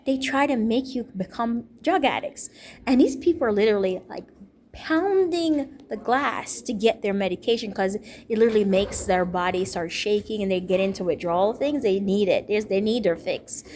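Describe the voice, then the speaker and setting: A woman's voice: medium pitch, animated, normal speed, a little mellow, a little hiss or hum. A woman in her thirties from Jamaica, a teacher and minister, talking in a rambling personal monologue. She speaks emphatically and repeats herself. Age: 30s. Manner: emphatic, repetitive, stream-of-consciousness.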